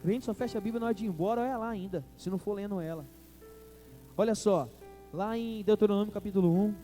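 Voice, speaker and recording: A pastor with a Brazilian Portuguese accent preaches a sermon, calling out to the congregation and drawing call-and-response from them. His voice is high-pitched, fast and warm, with faint music in the background.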